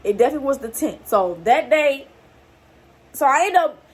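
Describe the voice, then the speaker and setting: A woman's voice: high-pitched, expressive, normal speed. A young woman vlogger casually telling a long personal story to camera, rambling and acting out quoted dialogue, with speech patterns.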